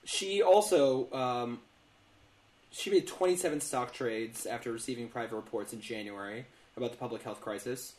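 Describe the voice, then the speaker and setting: A man co-hosting a podcast explains things casually, stammering over repeats and then landing hard on his points. His pitch is middling and his tone darkish, at a normal speed, in a roomy, echoey space.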